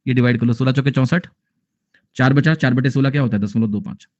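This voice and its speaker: A man's voice: medium pitch, quick pace, darkish tone, lo-fi sound. A man in his thirties with an Indian accent, teaching an online math class in a chatty, joking way and slipping English phrases into his talk. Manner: chatty, jokey, mixes Hindi with English phrases.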